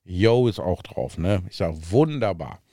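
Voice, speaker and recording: Low-voiced, chuckling middle-aged man. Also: animated, a little fast, darkish tone, no room sound, clean studio sound. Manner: chuckling anecdote-teller, tags sentences with "ne". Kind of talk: casual chat.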